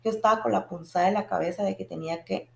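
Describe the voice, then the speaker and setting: A young woman, telling a long personal story in a casual, animated and frustrated way. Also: medium pitch, quick pace, creaky. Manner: animated, frustrated retelling with frequent restarts and acted quotes. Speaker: vlogger. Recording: echoey room.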